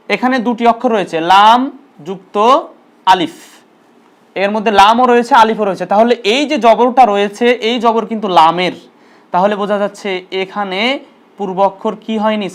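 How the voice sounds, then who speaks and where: A man teaching an Arabic grammar lesson, patiently repeating terms and asking and answering his own questions. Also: high-pitched.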